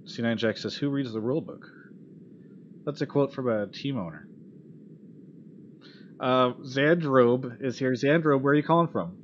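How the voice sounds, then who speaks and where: A man hosting a live esports call-in show talks at normal speed in a mid-range voice, leaving long pauses. He's blunt and casual, occasionally swearing and sounding fed up. The recording is dull and lo-fi, with clear background noise.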